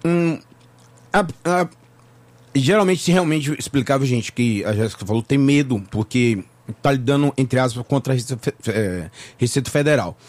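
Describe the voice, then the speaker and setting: A man's voice: mid-range voice, lively intonation, moderate pace, darkish tone. A man from Bahia, Brazil, talking as a tax lawyer guest on a radio morning show, chatty and full of fillers and repeats. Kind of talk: casual radio interview. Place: radio studio.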